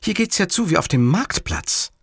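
A sharp-tongued woman in a temper, as a man reading puts her on, raised high above his own voice and snapping in curt, scolding lines. The dry close recording keeps every word crisp. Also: sing-song, moderate pace, no room sound, exaggerated voice. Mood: irritated. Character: irritated sharp-tongued woman, the hero's partner.

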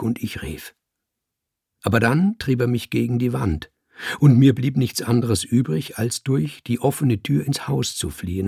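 A man reading a first-person story aloud in slow, measured audiobook narration. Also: medium pitch, vocal fry, mellow, breathy edge, no room sound, clean studio sound.

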